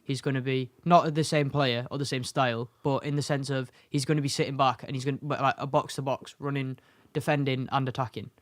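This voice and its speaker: Fast-talking opinionated podcast man. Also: mid-range voice, steady tone, dry recording, studio quality. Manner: rapid, opinionated, talks in long run-on thoughts. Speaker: podcast co-host. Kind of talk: casual football chat.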